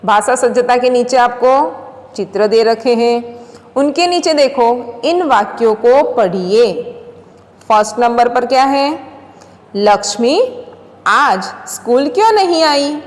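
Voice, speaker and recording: Woman teacher explaining grammar to kids real slow, high voice, big echo like a hall. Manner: slow and deliberate, stressing example words loudly; addresses children directly. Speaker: school teacher. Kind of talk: classroom Hindi grammar lesson. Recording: very echoey hall-like room.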